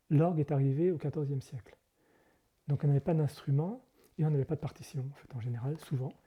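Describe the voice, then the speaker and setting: A man's voice: mid-range voice, husky, highs cut off. A monk being interviewed, explaining things carefully and often hesitating, correcting himself as he goes. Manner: explanatory, hesitant with frequent fillers and self-corrections. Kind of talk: conversational interview.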